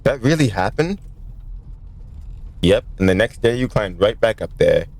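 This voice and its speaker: Low-voiced streamer man. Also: big pitch swings, measured pace, vocal fry, a little mellow. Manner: joking, chats with viewers. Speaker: streamer playing a visual novel. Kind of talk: casual let's-play commentary.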